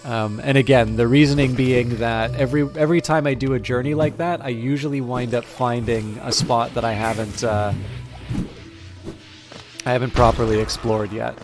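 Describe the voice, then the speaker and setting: A man's voice: medium pitch, fairly even intonation, moderate pace, over music. A man streaming a game with casual live commentary, rambling and thinking aloud.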